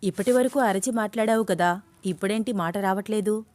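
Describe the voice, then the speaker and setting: A woman voicing a bold, teasing young man in love, in an audio story, in her own even voice. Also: medium pitch, fairly quick, no echo, close to an everyday voice. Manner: coaxing, teasing.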